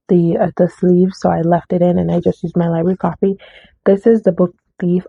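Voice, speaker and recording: Sounding a little stuffed up from a cold, a woman who vlogs about books talks loosely through her latest haul, frequently backtracking to fix what she said. Her fairly low voice is gravelly and slightly rough. The audio comes across dry and tinny, like a phone.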